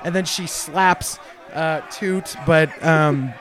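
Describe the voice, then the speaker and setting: A man's voice: a little high, steady tone, takes it slowly, a bit bright, some chatter behind. A man running a tabletop game as game master, telling the scene loosely with fillers and frequent laughter.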